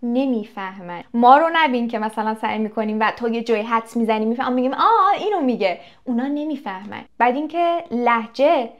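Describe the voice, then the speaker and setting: A woman's voice: on the high side, hardly any pauses, lo-fi sound. A young woman teaching English in a casual video lesson. She talks straight to the viewers, asks them questions and acts out little anecdotes.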